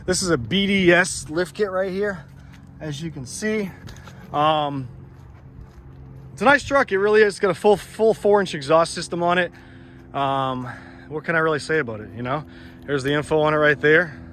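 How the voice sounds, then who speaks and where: A man's voice: a little high, normal speed, a bit bright, a little hiss or hum. Rambling, eager man showing off a truck. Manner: rambling, filler-heavy, enthusiastic. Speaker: truck seller. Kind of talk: casual vehicle walkaround. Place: outdoors beside a parked truck.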